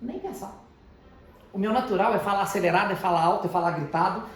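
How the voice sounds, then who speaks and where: Man speaking in a very echoey hall. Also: high voice. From Brazil, Minas Gerais. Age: 30s. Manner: deliberately calm, slowed and softened delivery. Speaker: motivational speaker to teenagers. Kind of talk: motivational talk. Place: large echoey house of prayer. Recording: very echoey hall, faint background noise.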